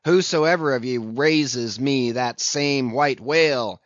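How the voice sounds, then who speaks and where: A man's voice: medium pitch, takes it slowly, a bit bright, no echo, lo-fi sound. A man voicing a fierce, obsessed old whaling captain in an audiobook, bellowing in declamatory, archaic seafaring speech. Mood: rousing, commanding.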